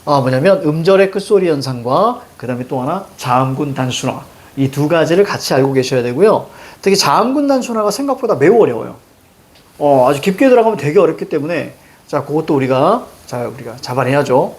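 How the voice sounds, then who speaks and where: A middle-aged man with a Seoul accent teaching a Korean language lesson, animated and joking with students, repeating cue words. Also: on the high side, brisk. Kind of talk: lively classroom lecture.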